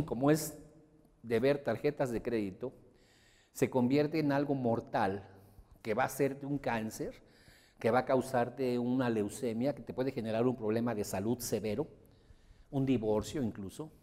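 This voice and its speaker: A man giving a motivational seminar to an audience, telling stories and acting out the voices of the people in them. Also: medium pitch. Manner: animated storyteller who acts out quoted voices. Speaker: seminar speaker. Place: large room before an audience. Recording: reverberant hall.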